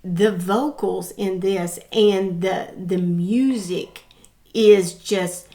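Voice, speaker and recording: A woman's voice: medium pitch, fairly even intonation, drawn-out words, warm tone. Earnest woman co-hosting a reaction show. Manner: earnest, with frequent affirming murmurs. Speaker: co-host of a music reaction channel. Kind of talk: casual reaction chat.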